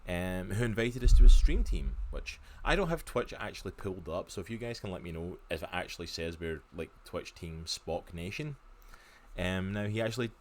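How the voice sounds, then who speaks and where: A man's voice: sits low, animated, moderate pace, slight background noise. A Scottish man with a Glaswegian accent, in his thirties, co-hosting a casual podcast from home over a video call, chatty and enthusiastic with lots of fillers. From Scotland, near Glasgow. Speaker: podcast co-host. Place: home room.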